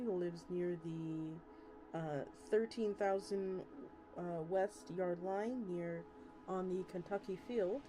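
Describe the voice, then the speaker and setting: With music in the background, a woman livestreamer speaks in a mellow, medium-pitched voice. She's a VTuber reading a story with acted-out dialogue and chatting casually with her audience.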